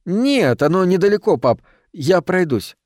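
A man reading an audiobook, voicing an eager, trusting young boy in a raised, boyish pitch. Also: sing-song, a little slow, darkish tone, no echo, studio quality. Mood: delighted.

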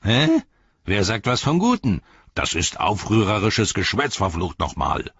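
A hulking orc soldier barks bullying threats in a deep, husky voice, as a male storyteller puts him on. The recording is dry and dull. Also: very animated, unhurried, a bit bright, no room sound, heavily acted.

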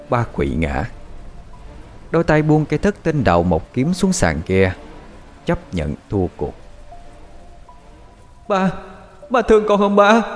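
A man narrating a horror story in a dramatic, expressive style. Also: low voice. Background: faint background music.

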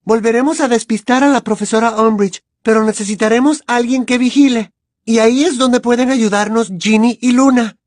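A woman's voice: on the high side, steady tone, moderate pace, a little mellow, no room sound, studio quality, lightly acted. A woman voicing a clever, anxious teenage girl witch who talks with urgent earnestness. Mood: urgent, pleading.

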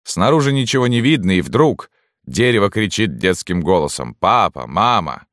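A man voicing a gruff, soft-hearted army sergeant who grumbles and speaks bluntly. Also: on the low side, big pitch swings, normal speed, no room sound, studio quality, pitched above the performer's own voice. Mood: rallying.

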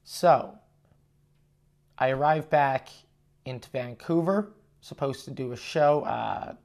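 A man hosting a casual solo podcast, rambling and halting with frequent swearing, recorded on a lav mic in an echoey room. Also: mid-range voice, gravelly, darkish tone. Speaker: podcast host and touring stand-up comedian. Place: condo room, indoors. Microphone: lavalier plugged into portable recorder.

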